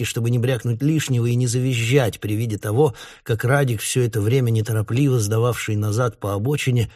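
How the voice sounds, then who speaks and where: A man, the author, reading his own story aloud in a measured, literary manner. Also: mid-range voice, a little mellow. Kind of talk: audiobook narration.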